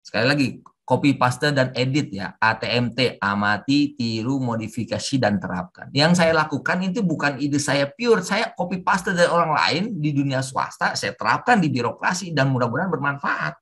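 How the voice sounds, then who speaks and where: A middle-aged man giving a webinar lecture with forceful, emphatic intonation, mixing in English terms. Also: mid-range voice, expressive, moderate pace, breathy edge. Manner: mixes English terms into talk. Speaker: civil service trainer. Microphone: online webinar audio.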